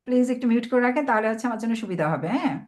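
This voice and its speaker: A woman teacher hosts an online webinar for parents, talking over a video call. She explains things patiently and step by step. She sounds out single words slowly as she goes. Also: on the high side, lively intonation, darkish tone.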